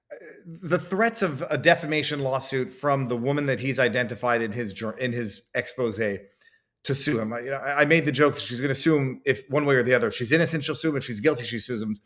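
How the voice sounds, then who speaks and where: A man's voice: medium pitch, a bit bright. A man hosting a political commentary show, talking conversationally with frequent hesitations and reading viewer chats aloud. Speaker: host.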